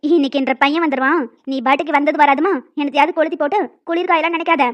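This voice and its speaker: A woman voicing a sharp-tongued older mother-in-law who taunts her daughter-in-law in an animated story. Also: sits high, racing, dull audio, natural voice. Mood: nagging. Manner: taunting, nagging.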